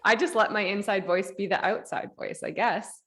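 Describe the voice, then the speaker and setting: A woman's voice: mid-range voice, fairly even intonation, moderate pace, a bit bright. Woman, podcast co-host, casual chat, playful, laughs often.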